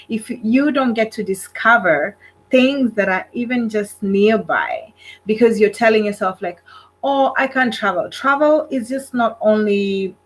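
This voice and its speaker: Talking directly to her live viewers, a Kenyan woman runs a casual solo stream full of fillers and hesitations. Her voice sits on the high side and sounds husky over a rough recording.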